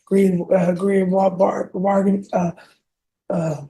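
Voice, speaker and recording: A woman with a hoarse, sore throat, answering as a defendant in court, halting and stumbling over her words with many fillers. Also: mid-range voice, little pitch movement, mellow, rough recording. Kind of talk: courtroom testimony.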